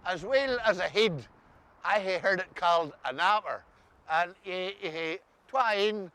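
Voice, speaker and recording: A man with an Ulster Scots accent talks in a bright, fairly high voice. He explains dialect in an easy conversational way, with the wry touch of a storyteller. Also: lively intonation, a little slow, clean tone. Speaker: co-host discussing dialect words.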